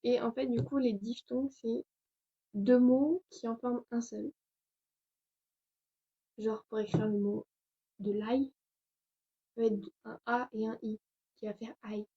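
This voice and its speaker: A young woman gives a relaxed home lesson in a slow, hesitant, chatty way. Her voice is dark and somewhat husky. The recording sounds dull and lo-fi. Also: fairly high pitch. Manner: chatty, hesitant, many fillers. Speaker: language tutorial host. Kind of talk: casual spoken lesson.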